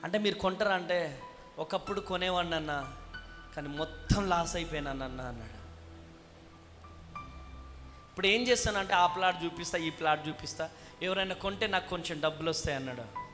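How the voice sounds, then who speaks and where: A middle-aged woman pastor with a lowish voice preaches a revival sermon fairly quickly, pausing often as she urges her congregation to clap and say amen. The recording has a reverberant hall sound with faint music.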